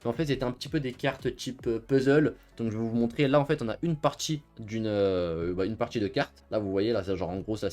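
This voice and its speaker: A man's voice: medium pitch, a little mellow. A young man hosting a casual show-and-tell video, chatty and enthusiastic with lots of slang. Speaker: YouTuber. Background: faint background music.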